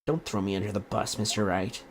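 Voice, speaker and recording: A man's voice: on the low side, brisk, slight background noise, close to an everyday voice. A man voicing an eager, cheeky young woman lawyer from a video game. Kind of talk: video game dialogue read aloud.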